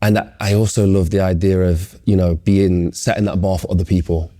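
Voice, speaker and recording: A man hosting an interview, talking earnestly with many halting restarts. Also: low-pitched, level tone, warm tone. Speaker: interview host. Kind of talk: casual interview conversation.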